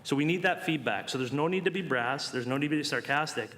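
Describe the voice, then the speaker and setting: A man chairing a town council meeting, measured and firm, calling people sir. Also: a little high, a bit bright. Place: council chamber.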